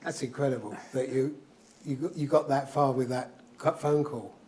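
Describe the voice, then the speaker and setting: A man in information security who asks measured follow-up questions in a casual discussion. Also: medium pitch, fairly even intonation, warm tone. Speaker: information security manager, co-host.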